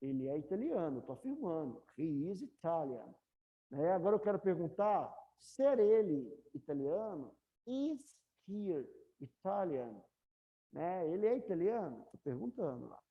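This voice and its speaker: A woman's voice: lowish voice, sing-song, normal speed, dull audio. A woman English teacher with a Brazilian Portuguese accent, explaining grammar to a class and checking in with students often. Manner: patient, repeats questions to students.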